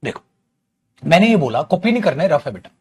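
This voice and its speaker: Teaching an online English grammar class, a man with a Hindi accent explains things slowly, posing questions and answering them himself. His voice sits a little high and has a sing-song lilt, with a faint hiss or hum in the background.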